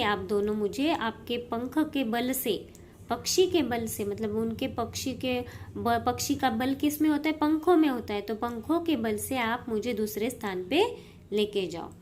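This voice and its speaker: A young woman with a high voice teaches a school lesson at an unhurried pace. She reads each line of the textbook aloud, then explains its meaning in plain, simple words, like a patient tutor. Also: expressive, slight background noise. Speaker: Sanskrit teacher.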